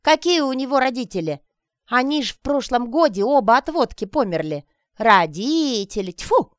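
A woman reading an audiobook voices a know-it-all old grandmother who scolds and gossips loudly. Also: big pitch swings, a little fast, dry recording, clean studio sound. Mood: scolding. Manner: loud, scolding, shrill.

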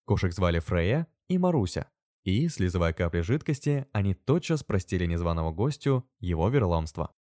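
A man narrating a novel as an audiobook, reading with expressive storytelling. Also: low voice, moderate pace, no echo, studio quality.

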